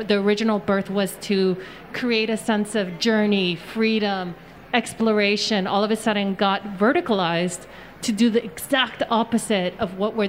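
A woman artist speaks on a live panel, recounting her work in an earnest, deliberate manner. Her pitch sits at an everyday middle height, and a faint hiss of background noise runs under her voice. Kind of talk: storytelling in a live panel talk.

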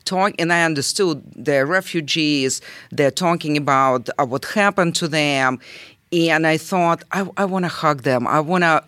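A woman from Russia, a native Russian speaker, talking earnestly as an interview guest, halting often with fillers. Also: deep voice, a bit bright, no echo. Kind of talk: conversational interview.

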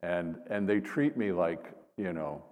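Older male missionary pastor, low voice, conversational mission update, heavy hall reverb. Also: animated, measured pace, darkish tone. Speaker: seminary professor and missionary pastor. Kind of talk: informal presentation to a congregation. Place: large indoor church space. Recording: reverberant church hall, long echo.

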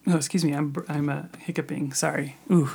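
A man co-hosts a casual film podcast, talking in long, animated runs. He loops back, restarts his sentences, and piles on fillers as his thoughts tumble out. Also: a little high, a little fast, creaky, breathy edge. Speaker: podcast co-host. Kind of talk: casual chat about films.

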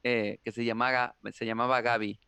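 A man, a tarot reader talking as an interview guest, animated and playful. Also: mid-range voice, moderate pace. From Argentina. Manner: animated storyteller, playful, slips into impressions. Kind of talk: casual interview chat.

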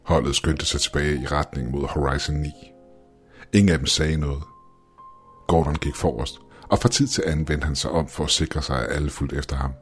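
Male horror narrator; extremely low, breathy, measured and ominous. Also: steady tone, soft background music. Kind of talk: scripted horror story narration.

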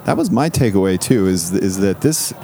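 A man co-hosting a casual, comedic podcast, making dry, deadpan jokes. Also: deep voice, moderate pace. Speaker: podcast co-host.

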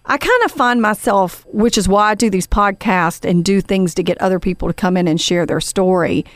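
A woman hosting her podcast, talking loosely and chattily with plenty of fillers. Her voice sits in an ordinary middle pitch. It is recorded close and dry. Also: moderate pace, dry recording. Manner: chatty and warm, many fillers, addresses the guest as honey. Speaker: podcast host. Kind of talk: casual podcast storytelling.

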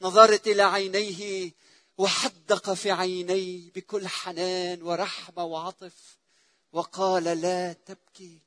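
A man voicing a grieving, lonely widowed mother who speaks softly and tenderly. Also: sits high, level tone, unhurried. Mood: tender grief.

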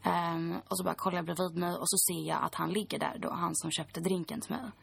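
A woman's voice: fairly low pitch, steady tone, gravelly, breathy edge, dry recording. A woman in her twenties, a podcast guest, recounting a personal story in a chatty way full of fillers.

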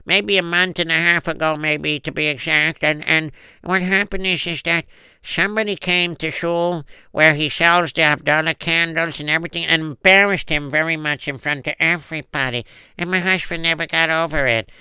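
A man's voice: a little high, fairly even intonation, normal speed, pushed and bright, clear, resonant tone, no room sound, low-quality recording. A man voicing a distraught middle-aged wife who fretfully repeats herself, guarding her husband. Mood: worried. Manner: repetitive, fretful, lots of "no, no".

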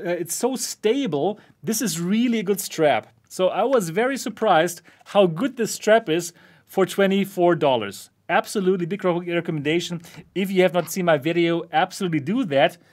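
A man with a notably high speaking voice hosts a relaxed tech chat. He keeps breaking into laughter between points, and the talk stays loose and conversational. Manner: laughs often while talking. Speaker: host of a VR channel. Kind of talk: casual podcast chat.

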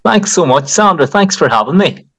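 A man's voice: fairly high pitch, very animated, moderate pace, a bit bright, breathy edge, no echo. A young man from County Donegal with a Donegal Irish accent, chatting informally as an interview guest and peppering his talk with "like" and "you know". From County Donegal, Ireland. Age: young adult. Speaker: podcast guest, country singer. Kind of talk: casual interview chat.

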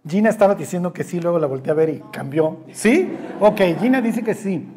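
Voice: medium pitch, lively intonation, fairly quick, mellow. A Bible study teacher, who leads an interactive class, jokes, teases the group, quizzes them and acts out quoted voices. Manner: joking, teasing, quizzes the class.

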